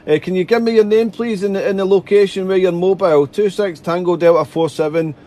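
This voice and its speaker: A man's voice: high-pitched, steady tone, a little fast, mellow. A man making amateur radio contacts, chatty and polite, repeating himself and spelling out callsigns phonetically. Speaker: amateur radio operator, live streamer. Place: radio desk indoors.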